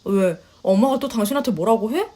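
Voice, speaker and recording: A woman voicing a blunt, self-assured young husband in a lowered, matter-of-fact voice, in a story reading. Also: animated, a little fast, dark tone. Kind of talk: storytelling voice acting.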